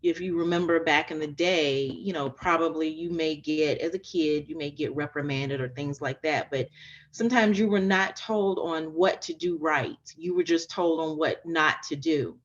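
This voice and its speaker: A woman's voice: low voice, normal speed, dull audio. A woman hosting a podcast interview, talking in an enthusiastic, emphatic way and repeating her phrases for stress. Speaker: podcast host and coach. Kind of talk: casual interview chat.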